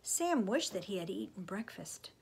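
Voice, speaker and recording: A woman reading a children's book aloud, expressive, often dropping into a hushed whisper. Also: medium pitch, normal speed, gravelly, slightly rough. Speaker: storybook reader.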